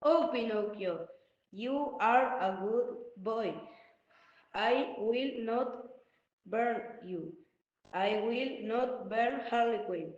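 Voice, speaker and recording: A woman voicing a big, grumpy, bearded male puppet master for a storybook reading, gruff and commanding. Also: on the high side, very slow. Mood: relenting. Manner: gruff and commanding, softening later. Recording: echoey muffled room with faint music.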